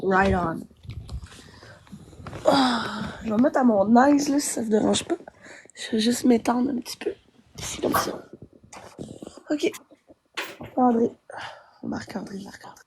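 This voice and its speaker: A woman's voice: fairly high pitch, unhurried, pauses often, background noise. A woman with a Québécois French accent ranting angrily as a guest on a live stream, swearing often. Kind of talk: angry live-stream rant.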